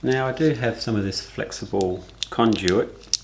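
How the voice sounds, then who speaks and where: A lowish-voiced man with an Australian accent talks through a do-it-yourself wiring job at a car's engine bay. His relaxed delivery sounds like thinking aloud as he works. A steady noise sits clearly behind him. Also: a little slow. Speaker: DIY car vlogger. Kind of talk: casual how-to narration.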